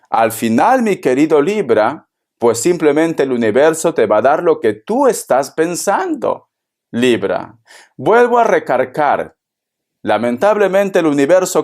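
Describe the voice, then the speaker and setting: A man's voice: a little high, darkish tone. A man giving a casual tarot reading, speaking affectionately and calling the listener by endearments. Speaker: tarot reader.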